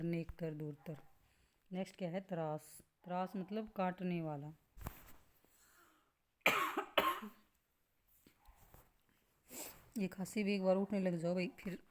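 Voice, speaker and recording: Slow, low-voiced woman teaching grammar. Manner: slow, listing words one by one with explanations. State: coughing at times. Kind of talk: slow classroom-style grammar lesson.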